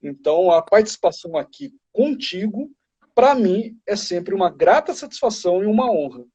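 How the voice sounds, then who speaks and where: Advogado brasileiro, fala enfática, voz rouca, som de videochamada de baixa qualidade. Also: male voice, high-pitched, expressive, normal speed, darkish tone, slightly rough. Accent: Brazilian. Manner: emphatic, explanatory. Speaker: guest criminal lawyer. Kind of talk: live video chat. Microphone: video call. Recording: lo-fi livestream audio.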